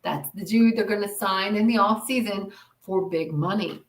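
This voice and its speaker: A woman's voice: medium pitch, normal speed. A woman co-hosting a podcast in casual sports chat, emphatic and playful with words. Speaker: podcast co-host. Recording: roomy echo.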